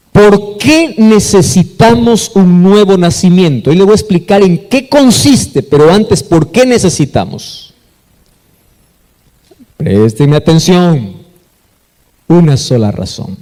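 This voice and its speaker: A Peruvian pastor with a high, mellow voice gives an emphatic sermon in Peruvian Spanish. He asks the congregation questions and answers them himself, and long reverb fills the echoey hall.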